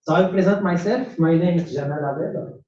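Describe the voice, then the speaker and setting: The conference speaker, from Tunisia, has a high, mellow voice and talks at a normal speed during a technical presentation in a large hall. Recorded from a distance by a dull, echoey room mic, he sounds hesitant, with many fillers, restarts and non-native phrasing.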